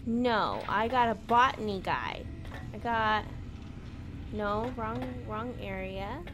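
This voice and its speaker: A woman's voice: mid-range voice, animated, takes it slowly, background noise. A woman gamer giving casual, chatty commentary while playing, talking back to the game's characters.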